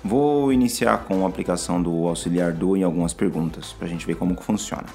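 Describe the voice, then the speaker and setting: A man's voice: sits low, a little fast, darkish tone, faint music behind. A man, an English teacher patiently explaining grammar on a podcast, often restarting his sentences.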